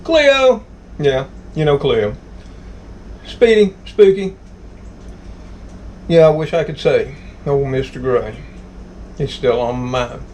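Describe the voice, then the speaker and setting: A folksy man with a Southern drawl chats through his home cooking video, his voice sitting a touch high and leaping all over as he whoops about the food. He talks straight to his viewers, and a faint hiss runs under the recording. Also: expressive, takes it slowly, pauses often, a little mellow, poor audio. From Southern United States. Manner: folksy, exclamatory, savoring food aloud. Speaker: cooking vlog host. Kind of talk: casual cooking vlog. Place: home kitchen.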